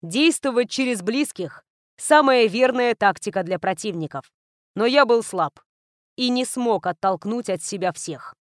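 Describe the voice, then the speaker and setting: A woman voicing a calm young male heir who speaks in an even, emotionless tone, read as part of a storybook narration. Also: a little high, measured pace, no room sound, studio quality. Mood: cool, level.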